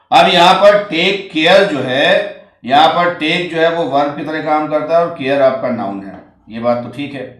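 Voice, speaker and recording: Echoey male grammar teacher. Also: a little high. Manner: explains step by step, often checks "ठीक है"; reads example sentences slowly and clearly. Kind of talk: coaching-class grammar lesson.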